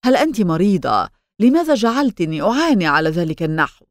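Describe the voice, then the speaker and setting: A woman's voice: medium pitch, sing-song, quick pace, dry recording, clean studio sound, lightly acted. A woman voicing a proud, moody young man in an audiobook, reading his cold, emotional lines. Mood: bitter.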